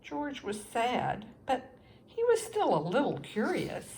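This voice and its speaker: Slow, very animated woman reading a children's story. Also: mid-range voice, slight background noise. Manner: expressive, with deliberate pauses for young listeners. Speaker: storybook reader. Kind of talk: scripted children's story narration, read aloud.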